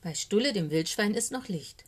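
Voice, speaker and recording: A woman's voice: medium pitch, expressive, moderate pace. A woman reading a children's storybook aloud, expressively, sometimes dropping to a whisper for suspense. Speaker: narrator.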